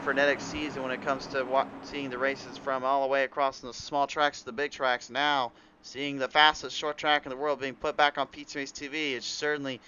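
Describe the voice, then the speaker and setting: A fairly high, pushed and bright male voice handles rambling live commentary for a racing league, stumbling into restarts and fillers. The race commentator sounds a touch sick, drops out at moments, and the audio has the highs cut off plus a little hiss or hum.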